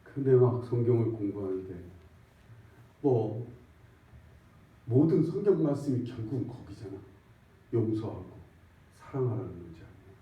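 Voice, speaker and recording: A man in his sixties, a pastor, preaching in a conversational style that swings from loud emphatic bursts to hushed near-whispers. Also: fairly low pitch, animated, normal speed, long pauses. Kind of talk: sermon. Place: church sanctuary. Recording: echoey dull church recording from far off.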